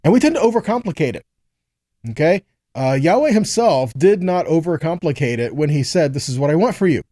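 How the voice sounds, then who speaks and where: An American Bible teacher preaches a conversational sermon with scripture readings, frequently asking rhetorical questions and checking in with his listeners. His fairly high, mellow voice is animated and brisk, captured in a clean, dry studio recording.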